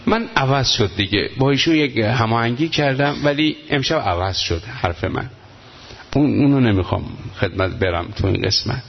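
A man leading a mourning gathering, talking casually to the listeners and breaking into slow, wailing chanted elegy. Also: mid-range voice, animated, creaky, husky. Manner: talks casually to the gathering, then chants in slow, drawn-out wails. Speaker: eulogist reciting mourning elegies. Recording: dull lo-fi sound.

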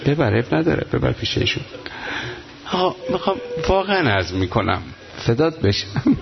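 A man leading a mourning gathering, talking casually to the listeners and breaking into slow, wailing chanted elegy. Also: medium pitch, big pitch swings, creaky. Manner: talks casually to the gathering, then chants in slow, drawn-out wails. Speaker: eulogist reciting mourning elegies. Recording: dull lo-fi sound.

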